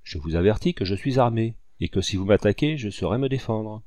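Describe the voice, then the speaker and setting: A man's voice: on the low side, lively intonation, fairly quick, a little mellow, no room sound, close to an everyday voice. Guy reading as a haughty english gent, stiff and cold, dry sound. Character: haughty male English agent.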